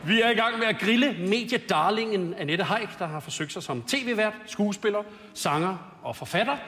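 A man's voice: high-pitched, animated. A man hosting a comedy roast on stage, firing off mocking jokes and introducing speakers. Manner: mocking, punchline delivery. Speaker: roast host. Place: TV studio stage with audience. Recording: long hall reverb, loud audience.

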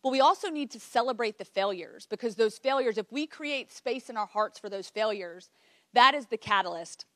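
A woman delivers a motivational keynote with a mid-range voice. She tells her story with bright energy and a chatty, direct tone that pulls the audience in. The recording is dry and close, with no room echo. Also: mid-range voice. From Virginia, United States. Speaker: keynote speaker.

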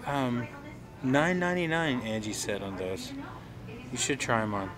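A man's voice: medium pitch, expressive, unhurried, a crowd in the background. A man talking casually while filming a walk through a gift shop, pointing things out as he goes. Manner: chatty, points things out as he films. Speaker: vlogger.

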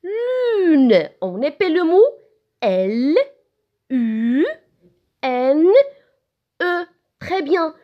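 A woman with a Moroccan French accent teaching a recorded lesson to young children, slow and sing-song, spelling letters one by one. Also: high voice, sing-song, muffled recording. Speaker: preschool teacher.

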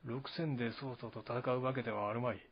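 A man voicing a wary young male officer, speaking quietly and low with restraint. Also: steady tone, brisk, husky, dull audio, natural voice. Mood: guarded.

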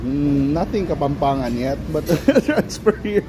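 A man from the Philippines with a Filipino accent, chatting excitedly as a food vlogger while filming on a phone in a hotel buffet. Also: a little high, measured pace. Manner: chatty, excited exclamations, mixes English and Filipino. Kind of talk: casual buffet walkthrough. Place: busy hotel buffet restaurant, indoors. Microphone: handheld phone camera. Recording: loud restaurant background noise.

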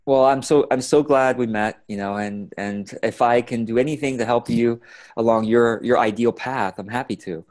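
A man's voice: medium pitch, normal speed, a little mellow. A man in his thirties hosting a casual video call, easygoing and lightly self-deprecating, asking his guest questions. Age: 30s. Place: home room. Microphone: earbud headset on a video call.

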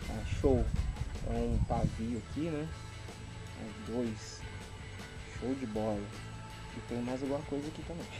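The audio is poor, with music in the background, as a mid-range male voice speaks a little slowly and pauses often. He's a thirtysomething Brazilian vlogger chatting informally and with slang while unboxing in a rural garden, exclaiming appreciatively, filmed from a couple of meters off.

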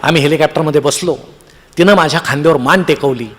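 A man with a Marathi accent spins a comic tale on stage, his voice sitting a little high for a man and ringing with long hall reverb. He jumps into the voices of each person in the story with lively timing. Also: quick pace. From Maharashtra, India. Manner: animated, acts out voices of the characters in the tale. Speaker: humorous storyteller.

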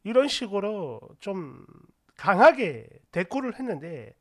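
A woman tells a family story in a chatty, indignant tone. Her pitch moves lively up and down around a middle register. The read has the feel of a story radio show. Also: a little slow. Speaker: story narrator. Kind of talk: storytelling narration.

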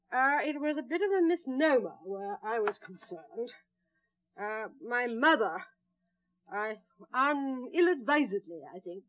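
Older woman, TV gardening host, slow deliberate delivery, slightly high voice, wry emphatic manner, 1960s studio tape sound. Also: fairly bright tone. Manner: brisk, wry, emphatic, anecdotal. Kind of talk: unscripted televised gardening demonstration. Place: indoor studio set among potted plants. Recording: old 1960s television tape transfer.

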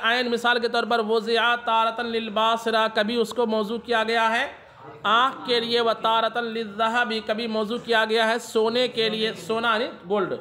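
High bright-voiced male religious teacher. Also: completely flat delivery. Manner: asks the class a question, then answers it himself; reads Arabic text slowly, then explains it. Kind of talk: classroom lecture.

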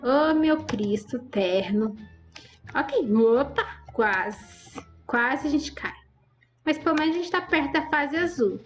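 A woman's voice: sits high, expressive, slow pace, highs cut off, faint music behind. A woman giving chatty, exclaiming commentary over her Roblox gameplay and talking straight to her viewers. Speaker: gaming YouTuber.

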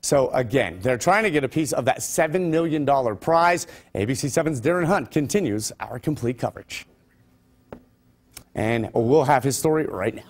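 A man's voice: medium pitch, animated, moderate pace. A male news anchor reading local stories with loose, conversational ad-libs. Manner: loose and conversational between scripted items. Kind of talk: news reading with ad-libbed asides.

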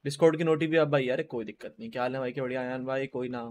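Subdued Hindi-accented streamer chatting. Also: male voice, rapid-fire, a little mellow, slight background noise. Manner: greets chat viewers by name, chatty; speaking low and subdued. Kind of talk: casual stream chat.

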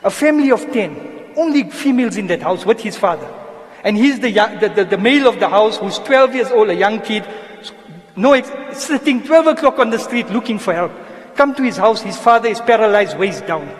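A man's voice: high-pitched, animated, fairly quick. A man giving an impassioned Friday sermon, mixing in Arabic religious phrases and appealing to his congregation. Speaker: moulana giving a Friday lecture. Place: mosque hall. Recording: long echo of a mosque hall.

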